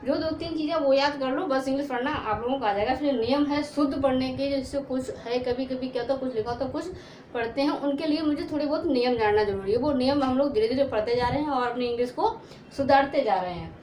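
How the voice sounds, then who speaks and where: A woman's voice: sits high, fast talker, a little mellow, echoey room, a little hiss or hum, low-quality recording. A woman teaching English phonics in Hindi, who asks her own questions, answers them, and sounds out letters one by one. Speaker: English teacher, channel host. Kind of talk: Hindi phonics lesson at a whiteboard.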